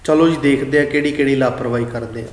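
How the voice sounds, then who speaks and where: A man with a Punjabi accent teaching scripture pronunciation, slow and deliberate, drawing out words and chanting lines in a sung tone. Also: medium pitch, fairly even intonation. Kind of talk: slow religious teaching talk. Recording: echoey room with long reverb.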